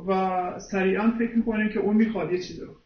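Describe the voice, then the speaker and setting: A man's voice: high-pitched, steady tone, reverberant, far from the mic, dull audio. A man interpreting a sermon, hesitant and full of filler sounds.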